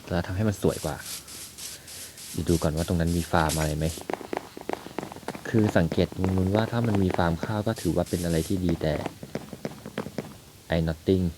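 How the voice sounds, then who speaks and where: Low-voiced young man narrating his game. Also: normal speed, pauses often. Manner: chatty, thinks aloud while playing. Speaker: gaming YouTuber. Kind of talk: casual game commentary. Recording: loud background noise.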